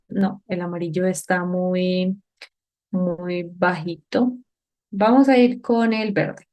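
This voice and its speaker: A woman teaching an English grammar lesson at a whiteboard, explaining step by step, checking understanding with questions, and saying the English examples slowly and carefully. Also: mid-range voice, darkish tone.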